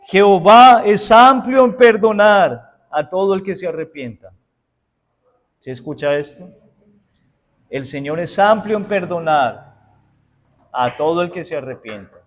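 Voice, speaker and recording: A Uruguayan man preaching at a deliberate, unhurried pace. He asks his congregation short rhetorical questions, then answers them himself in a raised, fairly high voice. He addresses them warmly as brothers and sisters. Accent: Uruguayan Spanish. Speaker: pastor. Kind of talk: sermon.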